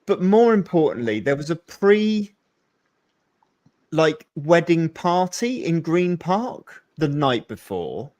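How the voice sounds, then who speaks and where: A man's voice: on the high side, very animated, slow pace, darkish tone, no echo. A man in his thirties or forties hosting a live webinar interview, talking enthusiastically and at length with many restarts. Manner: enthusiastic, talkative, rambling with restarts. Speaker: webinar host. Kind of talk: casual conversational interview. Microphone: video call.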